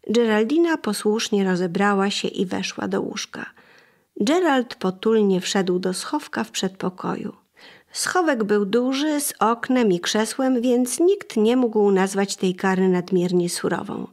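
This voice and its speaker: Female audiobook narrator, even and measured, mid-range voice. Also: medium pitch. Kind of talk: scripted narration.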